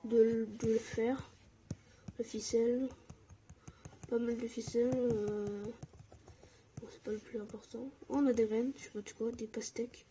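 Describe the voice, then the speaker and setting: Excitable young woman gaming, mellow tone. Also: on the high side, unhurried, pauses often, slight background noise. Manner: excitable, often drops to a mumble or whisper. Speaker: gaming YouTuber. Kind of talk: casual Minecraft commentary.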